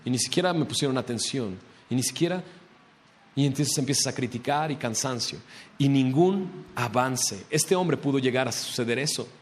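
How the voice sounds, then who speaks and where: A male pastor preaching a sermon, asking rhetorical questions and slowing down to stress scripture. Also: mid-range voice, expressive, slight background noise. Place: church.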